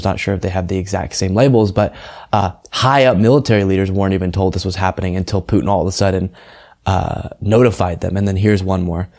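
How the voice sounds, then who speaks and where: Low and darkish in tone, this American man hosts a political commentary show. His talk is earnest, emphatic and conversational as he offers casual commentary and reads translated quotes aloud.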